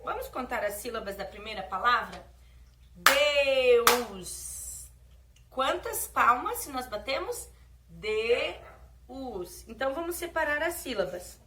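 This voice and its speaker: A Brazilian woman teacher speaks to small children in a slow, drawn-out way. Her voice sits a little high and sounds bright and clear. She is recorded from a distance, with faint noise behind her. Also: big pitch swings. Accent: Brazilian Portuguese. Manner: slow, warm-hearted teacher talk to small children, drawing out words. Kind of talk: children's lesson.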